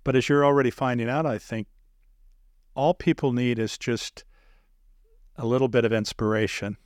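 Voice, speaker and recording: A man hosting an interview, speaking in a measured, earnest way with many pauses and filler sounds. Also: mid-range voice, steady tone, no echo, clean studio sound. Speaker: podcast host interviewing a guest. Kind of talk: reflective interview talk.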